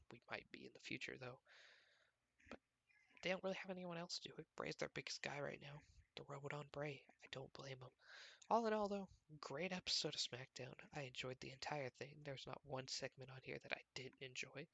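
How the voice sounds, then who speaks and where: A man's voice: mid-range voice, gravelly, bright, forceful tone, no room sound. A man hosting his own sports show from home, recapping casually in a rambling, conversational way. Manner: rambling, conversational, filler-heavy.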